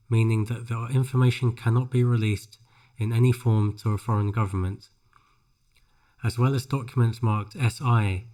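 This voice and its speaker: A man reads scripted narration for a pronunciation drill, phrase by phrase, with careful, measured enunciation. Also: medium pitch, dark tone. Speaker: English shadowing practice narrator.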